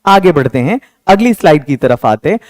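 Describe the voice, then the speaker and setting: A young man teaching a spoken English lesson, patiently explaining and slowly repeating example sentences. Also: a little high, very animated, no room sound.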